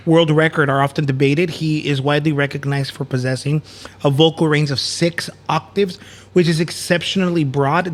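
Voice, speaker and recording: A man co-hosting a podcast in casual chat, rambling with many fillers and restarts. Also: a little high. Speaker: podcast co-host.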